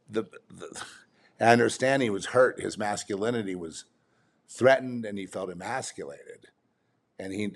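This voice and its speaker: A man's voice: lowish voice, gravelly. A man giving off-the-cuff commentary, rambling and exasperated, full of restarts and rhetorical questions.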